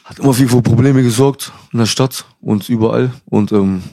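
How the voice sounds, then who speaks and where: A man's voice: mid-range voice, moderate pace, gravelly, mellow. A young man from Cuba, talking as a podcast guest. His stories come out in loose, slangy street speech, and he keeps calling the host bro. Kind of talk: casual storytelling.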